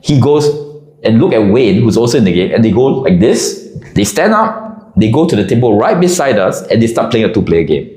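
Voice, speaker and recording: A man telling a casual anecdote with an animated, expressive delivery. His pitch moves around a lot as he talks. The recording has a noticeable roomy echo. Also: brisk. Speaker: storyteller. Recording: echoey room.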